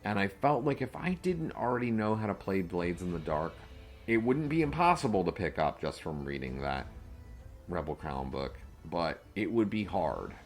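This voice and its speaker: A man's voice: low voice, big pitch swings, moderate pace, soft background music. A man co-hosting a podcast in a casual, rambling chat, full of fillers and restarts. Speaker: podcast co-host and game master.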